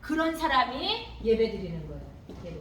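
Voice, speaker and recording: A woman giving a children's sermon at Sunday school, animated and asking the children questions. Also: on the high side, moderate pace, reverberant, a little hiss or hum. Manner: animated, questioning the children, acting out little voices. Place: church hall.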